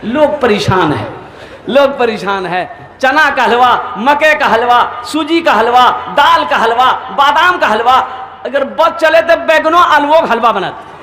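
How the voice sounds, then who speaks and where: Male preacher, very high voice, comic storyteller who slips into character voices. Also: lively intonation, measured pace, sharp tone, echoey room. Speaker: maulana preacher. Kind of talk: humorous sermon with acted anecdotes.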